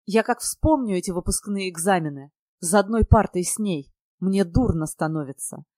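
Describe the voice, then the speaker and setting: A woman's voice: lowish voice, animated, moderate pace, a little mellow, dry recording, clean studio sound. A woman voicing an earnest, emotional young female student speaking from the heart. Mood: heartfelt.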